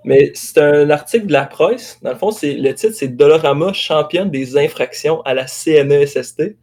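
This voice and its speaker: A young man with a Québécois accent hosts a casual podcast chat. His voice sits a little higher than most men's, and he tells stories in an easygoing way, laughing often. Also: normal speed. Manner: laughs often, relaxed storytelling. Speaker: podcast host.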